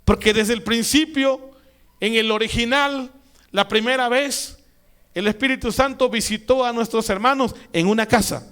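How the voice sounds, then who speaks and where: Pastor guy preaching, pretty high voice, gets loud then drops low. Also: normal speed, clear, resonant tone. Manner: preaching with rising emphatic peaks and quiet asides. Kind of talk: sermon.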